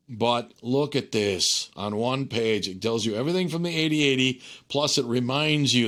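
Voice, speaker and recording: A man teaching an informal technical tutorial, thinking aloud in a conversational way and often checking in with a quick okay or right. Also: mid-range voice, fairly bright tone. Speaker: instructor.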